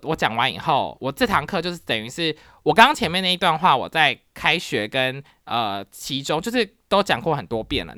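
Young lecturer, casual podcast monologue, bright voice that rises and falls a lot, English words mixed in. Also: mid-range voice, no echo, studio quality. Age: young adult. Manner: animated, mixes English words into Mandarin. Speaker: university teacher.

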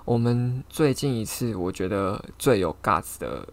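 Gravelly, lively man. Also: lowish voice, unhurried. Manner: animated storytelling, frequent laughter. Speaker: podcast co-host. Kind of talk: casual chat.

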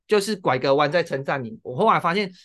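A man's voice: fairly high pitch, lively intonation, quick pace, fairly bright tone. A man, chatting bluntly and sharply as a podcast co-host. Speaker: co-host, human design reader. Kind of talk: casual podcast chat.

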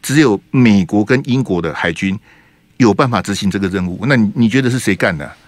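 A man's voice: on the low side, brisk, no room sound. A middle-aged man, hosting a radio talk show with rhetorical political commentary and many 哈 and 啊 tags. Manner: animated and rhetorical, tags sentences with 哈 and 啊. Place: radio studio.

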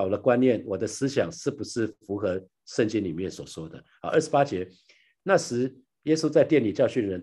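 Husky low-voiced man teaching. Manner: repeats phrases, ends lines with soft 哈 and 啊 tags; addresses listeners as brothers and sisters. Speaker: pastor sharing a daily devotional. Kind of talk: devotional Bible teaching.

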